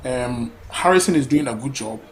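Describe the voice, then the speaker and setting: Man from ghana calling in, lots of ums, earnest, mid voice, clear noise on the line. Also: mid-range voice, lively intonation, moderate pace. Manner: hesitant, many fillers, earnest. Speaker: caller. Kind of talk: call-in talk.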